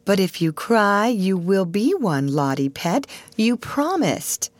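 A woman's voice: mid-range voice, very animated, moderate pace, no room sound, voice pushed up. A woman voicing a kind, motherly schoolgirl who is self-controlled and earnest, in a storybook reading. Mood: steady coaxing. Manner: earnest, coaxing.

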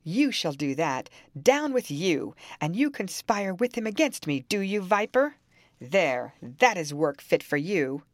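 A woman voicing a cruel, domineering man who snarls his orders loudly, in a storybook reading. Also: on the low side, big pitch swings, measured pace, no room sound, clean studio sound. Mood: contemptuous. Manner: loud and snarling.

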